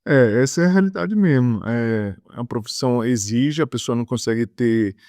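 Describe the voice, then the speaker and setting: Man, halting interview guest. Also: medium pitch, darkish tone, dry recording, studio quality. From Bahia, Brazil. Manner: fillers and repeated words. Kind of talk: conversational interview.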